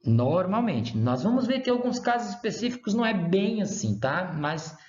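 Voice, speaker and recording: A man with a Brazilian Portuguese accent teaching a university Latin lecture, repeating examples slowly and checking in with his students. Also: sits high, sing-song, darkish tone. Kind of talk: recorded online lecture. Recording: roomy, dull lo-fi sound.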